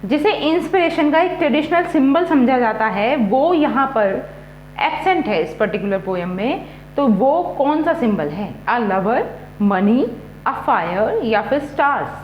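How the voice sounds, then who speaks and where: A woman's voice: a little high, lively intonation, a little slow, roomy sound, dull audio, a little hiss or hum. A woman teacher running an exam-prep quiz, mixing Hindi and English as she reads each question, repeats the options and then gives the answer.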